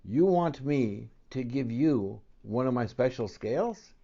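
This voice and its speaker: A man's voice: mid-range voice, expressive, measured pace, creaky, warm tone, muffled recording. A man voicing a proud, vain and indignant fish in a storybook, haughty and exclamatory.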